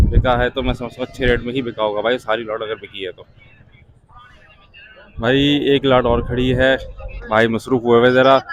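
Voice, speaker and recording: A Pakistani man with an average-pitched voice hosts a casual market vlog outdoors. He addresses viewers like brothers, puts short questions to traders and repeats what they say. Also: low-quality recording. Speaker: vlogger and host touring a cattle market. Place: outdoor livestock market on a windy day.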